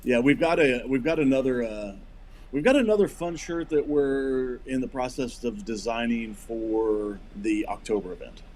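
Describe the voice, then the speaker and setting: A man's voice: medium pitch, normal speed, darkish tone. Hesitant man in his forties, faint background hum. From Missouri, USA. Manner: hesitant, many fillers and restarts. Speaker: podcast guest, firearms company rep. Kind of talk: casual chat.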